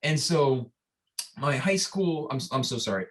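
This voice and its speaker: A man's voice: medium pitch, animated, a little slow. A young man from Florida, a startup founder, telling his story in a casual interview, enthusiastic and rambling with lots of fillers and restarts.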